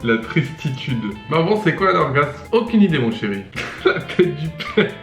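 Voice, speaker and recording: Over background music, a young male YouTuber with a fairly high voice reacts at a moderate pace. He reads captions out loud, then mocks them, laughing often and staying animated in casual commentary. The room sounds echoey.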